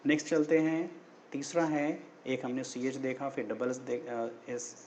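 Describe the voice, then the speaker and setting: A man at an ordinary mid pitch teaches spoken English rules. He spells out sounds letter by letter and keeps asking his listeners "right?". A faint noise sits under his voice. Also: level tone, unhurried, darkish tone. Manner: explains step by step, often checks with "right?" and "okay?".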